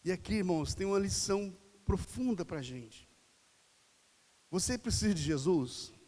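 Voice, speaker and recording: A man's voice: high voice, expressive, moderate pace, mellow. A man preaching a sermon in Brazilian Portuguese, conversational, firing off rhetorical questions and acting out voices. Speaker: pastor. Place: church hall. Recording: reverberant church hall.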